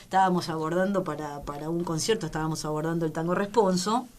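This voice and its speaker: Slight background noise sits behind this woman's lowish, slightly mellow voice. In her forties, she's a tango musician and teacher with a Rioplatense Argentine accent, guesting on a radio interview and halting often to restart her words.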